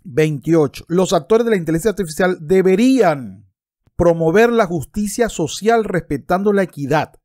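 A man in his thirties with a high-pitched, animated, darkish voice argues emphatically at normal speed, like someone giving opinionated video commentary and reading passages aloud. He sits close in front of a desktop microphone in a book-lined room at home.

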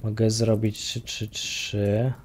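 A gaming YouTuber casually comments on his own gameplay in a let's-play, muttering counts and grumbling with light swearing. His lowish voice is monotone and slow, with background noise behind it.

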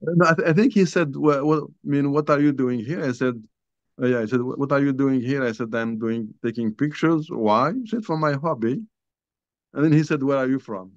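Over dull, lo-fi video-call audio without room sound, an older guest author from Algeria tells a personal story from a small room at home in a medium-pitched voice. He speaks in a halting, conversational way, frequently starting over and leaning on "you know".

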